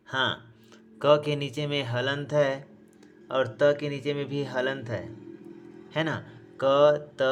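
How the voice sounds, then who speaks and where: A male teacher giving a recorded grammar lesson at an unhurried pace. He sounds out each letter slowly, repeats important terms and speaks to his students as friends. His voice sits at an ordinary middle pitch. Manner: slow and deliberate, repeats terms, says each sound aloud.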